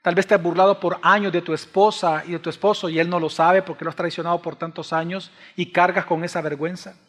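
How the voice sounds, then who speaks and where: A man preaching a sermon, swinging between hushed pleading and raised, emphatic preaching. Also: high-pitched, steady tone, quick pace. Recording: long reverb of a large hall.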